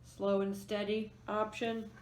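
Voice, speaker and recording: A woman's voice: mid-range voice, level tone, slow pace, a little hiss or hum. Tarot reader, female, mid-range voice, thinks aloud while walking through the cards; room with noticeable echo. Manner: musing, explains each card as she goes. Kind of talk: pick-a-card tarot reading to camera. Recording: echoey room.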